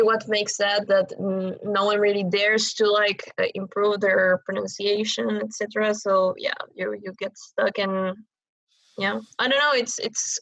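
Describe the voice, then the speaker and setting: A woman's voice: medium pitch, fairly bright tone, dry recording, muffled recording. A woman from Chile, a native Spanish speaker, talking English with a Chilean accent in a casual podcast chat as a musician guest.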